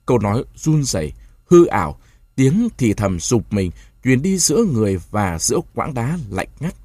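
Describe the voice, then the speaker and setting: Male audiobook narrator, husky, lively pitch, dramatic delivery. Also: moderate pace, no echo, clean studio sound. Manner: expressive, dramatic storytelling.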